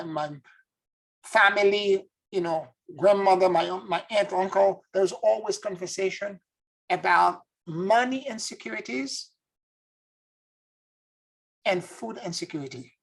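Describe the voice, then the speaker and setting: A spiritual teacher from Haiti, his high voice touched with vocal fry, gives an introspective, earnest monologue while hunting for words. The recording is poor.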